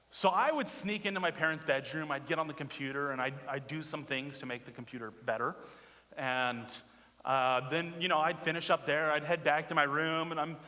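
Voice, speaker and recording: A man's voice: a little high, pushed and bright, in a large hall. A man preaching a sermon as a pastor, telling stories animatedly and asking the congregation rhetorical questions. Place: church sanctuary.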